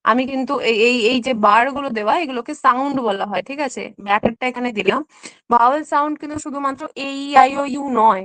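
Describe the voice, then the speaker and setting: A woman's voice: high voice, fast talker, fairly bright tone, no room sound, poor audio. A woman teacher giving an online exam-prep lesson, explaining step by step, mixing in English terms and checking in often. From West Bengal.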